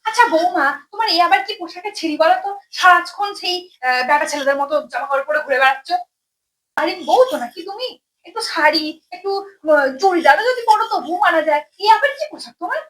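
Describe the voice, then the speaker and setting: A bossy Bengali mother-in-law, played by a woman scolds and lectures her daughter-in-law in a very high, quick voice. She nags steadily in a short comedy skit. The sound is roomy and echoing, picked up from some distance away. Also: animated, a bit bright. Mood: lecturing. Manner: scolding, nagging. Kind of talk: comedy sketch acting.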